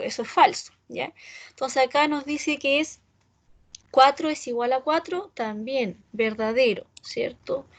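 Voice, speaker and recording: A woman teaching a class, talking slowly and patiently and checking in with her students often. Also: high-pitched, low-quality recording. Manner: slow, patient, keeps checking with "¿cierto?". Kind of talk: online class on R programming.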